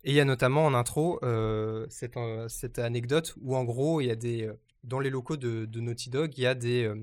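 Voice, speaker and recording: Hesitant man chatting about news. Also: mid-range voice. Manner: hesitant, many fillers and restarts. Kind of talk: casual news chat.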